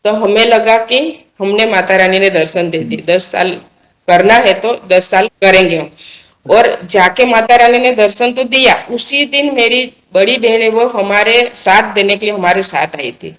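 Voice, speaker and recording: A woman's voice: medium pitch, unhurried, fairly bright tone. A woman guest telling a personal devotional story in an earnest, casual way, often repeating and restarting her phrases as she goes. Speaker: guest recounting a devotional experience.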